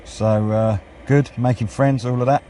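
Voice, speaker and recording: A British radio-hobbyist vlogger talks casually outdoors on wooded high ground beside a road, in an unhurried, rambling, low-key way. His tone is steady and mellow, with outdoor noise and passing vehicles in the background.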